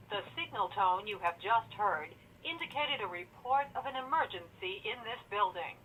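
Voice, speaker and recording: A woman reading a calm, formal emergency announcement, played through a fire alarm loudspeaker. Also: mid-range voice. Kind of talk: prerecorded alarm message. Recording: tinny, phone-like loudspeaker sound, faint hiss.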